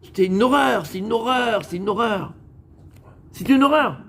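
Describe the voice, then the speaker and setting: High-voiced man giving a joking sermon. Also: normal speed, creaky, a bit bright, breathy edge. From France. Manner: joking, conversational, talks straight to listeners; mixes in Hebrew religious words. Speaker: rabbi. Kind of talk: lively sermon to a live audience.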